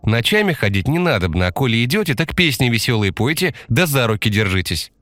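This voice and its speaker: A man voicing a quick-talking young village girl who gives rapid warnings. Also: mid-range voice, lively intonation, sharp tone, no room sound, pitched above the performer's own voice. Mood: urgent. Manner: rapid patter.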